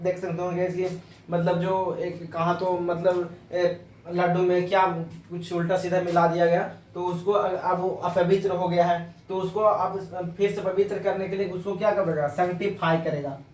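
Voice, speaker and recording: A man's voice: high-pitched, flat delivery, normal speed, a little mellow. A man teaching English vocabulary, explaining in Hindi, repeating words and spelling them out letter by letter. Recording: roomy echo, voice a bit far from mic.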